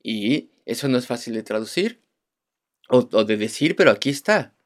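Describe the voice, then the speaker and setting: A man delivers an expository sermon at an ordinary middle pitch. He works through the passage verse by verse, circling back to key phrases to drive them home. Now and then he puts rhetorical questions to his listeners. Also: lively intonation, normal speed. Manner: teaching, repeats key phrases for emphasis; poses rhetorical questions to the congregation. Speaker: pastor.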